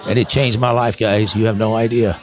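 A man in his sixties from Texas, hosting a podcast in an excitable, rambling, folksy way. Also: fairly low pitch, brisk. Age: 60s. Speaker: podcast host. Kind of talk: casual promotional podcast talk.

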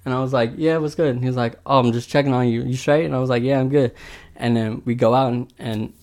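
A man telling a story in casual podcast chat, animated, laughing often and acting out what people said. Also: mid-range voice, quick pace. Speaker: show regular telling a story.

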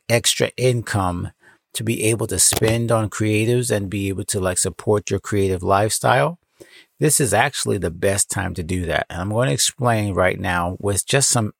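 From a clothes closet at home, an American podcast host and founder talks solo to his listeners in an encouraging, emphatic way. His voice is on the low side and gravelly, in a dry recording.

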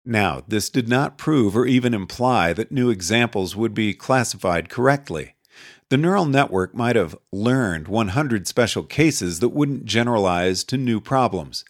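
Guy with a lowish voice reading an audiobook essay, measured, kinda wry, dead dry close mic. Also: animated, no echo. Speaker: audiobook narrator. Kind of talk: scripted essay narration.

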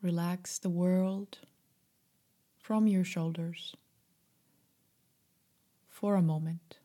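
A woman guiding a meditation in a soft, breathy, half-whispered voice, gentle, soothing and unhurried. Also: on the low side, steady tone. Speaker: meditation guide. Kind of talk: slow guided meditation.

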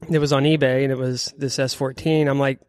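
A man's voice: medium pitch, flat delivery, brisk, a little mellow, smooth, dry recording. A man co-hosting a casual, slangy chat with agreeable interjections, recorded in a garage. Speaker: co-host.

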